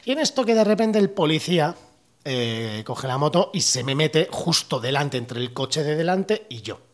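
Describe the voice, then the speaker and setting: Young adult male host with a Spanish accent from Spain, relaxed chatty monologue, loose and slangy, voices quoted speech with sharp rises. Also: normal speed. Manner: chatty, full of fillers and slang; acts out quoted dialogue with sharp pitch jumps. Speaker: podcast host. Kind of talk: casual storytelling monologue.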